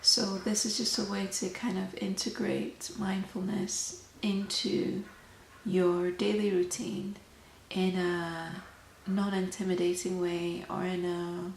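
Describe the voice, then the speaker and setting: A woman talks in a soft-spoken ASMR chat, gentle and unhurried. Her voice has a noticeable creak, and it sits in a roomy, echoing space with faint noise behind it. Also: mid-range voice, level tone. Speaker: host of a tea meditation channel.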